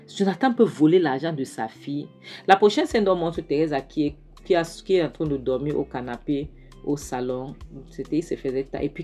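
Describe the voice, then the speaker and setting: Low-pitched woman narrator, lively and outraged asides, soft music underneath. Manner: animated, exclaiming, shocked asides. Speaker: film recap narrator. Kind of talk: casual film recap.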